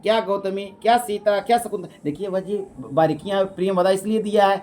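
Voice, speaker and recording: A man teaching Sanskrit exam questions, reading options aloud, slowly chanting verses and explaining each answer in casual, repetitive speech. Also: sits high, a little mellow. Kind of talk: exam question walkthrough lesson.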